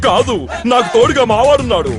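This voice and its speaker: A man's voice: very high-pitched, animated, a little fast, voice pushed up. A man doing dramatic mimicry of film heroes in a Telugu comedy film scene, with background score. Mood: theatrical. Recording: film soundtrack with music behind.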